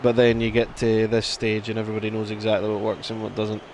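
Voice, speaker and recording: A man's voice: fairly low pitch, monotone, quick pace, slight background noise. Chatty man streaming a game. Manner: chatty, rambling, reacts loudly to play. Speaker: gaming streamer. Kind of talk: casual live-stream commentary.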